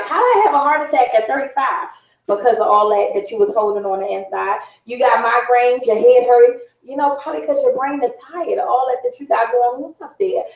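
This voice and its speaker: A woman's voice: a little high, darkish tone, echoey room, distant mic, rough recording. A middle-aged woman hosting a talk show, talking earnestly and confidingly in a casual monologue, often circling back and repeating herself.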